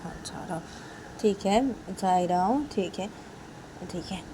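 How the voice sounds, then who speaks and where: A woman's voice: mid-range voice, expressive, unhurried, background noise, close to an everyday voice. A playful middle-aged father, voiced by a woman telling the story, pesters his grown daughter with mock innocence. He sounds cheerful and insistent, as if hiding a grin, in a homemade spoken storybook. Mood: teasing.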